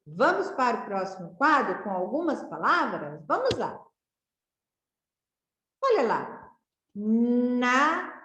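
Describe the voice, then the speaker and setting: A woman literacy teacher leading a children's reading lesson, drilling syllables slowly and patiently and repeating each word twice. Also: a little high, wildly swooping pitch, fairly bright tone, reverberant, muffled recording.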